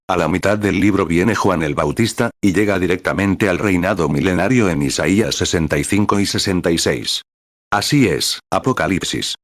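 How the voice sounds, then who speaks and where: A man's voice: deep voice, dry recording, studio quality. A man reading a translated sermon aloud in an earnest preaching manner, with numbered paragraphs and prayers.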